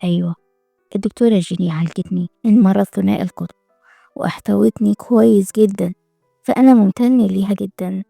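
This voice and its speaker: A woman's voice: medium pitch, fairly even intonation, quick pace, vocal fry, dark tone, dry recording, clean studio sound, faint music behind, pitched below the performer's own voice. Guarded young male doctor with an Egyptian accent, clipped and controlled, as a woman narrator puts him on. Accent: Egyptian Arabic.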